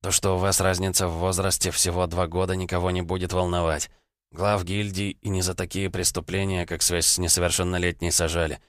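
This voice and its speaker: A sarcastic young police officer talks in a dry, wry way, as a male narrator reads him. The voice is deep and the sound close and dry. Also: level tone, fairly quick, no echo, natural voice.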